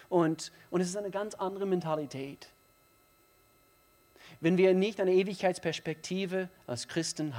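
A man delivering a sermon in a fairly high voice. He is emphatic and repeats key phrases, swinging from hushed, intimate passages to loud, driving emphasis. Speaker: preacher.

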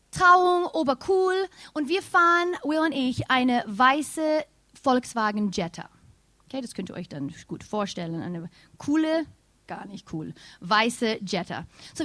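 Animated woman preaching, German. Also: high-pitched, no room sound. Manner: animated storytelling, addresses congregation directly. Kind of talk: sermon with personal story.

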